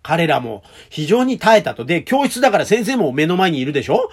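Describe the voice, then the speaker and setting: Man, fast-talking solo talk-show host, animated pitch, polite old-fashioned phrasing, self-deprecating jokes. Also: slightly rough. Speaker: stage performer hosting his own audio talk show.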